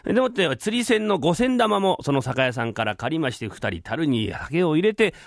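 A man telling a comic story, chatty and polite as he recaps the plot. His fairly high voice jumps around with a gravelly texture, recorded close and dry. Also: normal speed, dry recording. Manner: lively, chatty, polite narration. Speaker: rakugo storyteller.

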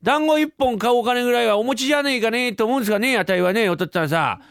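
A man's voice: very high voice, racing, a bit bright, smooth, no echo, studio quality, pitched above the performer's own voice. A man voicing a cheeky little boy begging his father for sweets in a rakugo story, whining in a sing-song way.

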